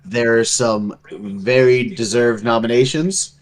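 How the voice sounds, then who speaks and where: A young man co-hosting a casual gaming talk show over an online voice call, loud and joking with crude banter. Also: mid-range voice, fairly even intonation, slow, a crowd in the background, low-quality recording. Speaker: podcast co-host.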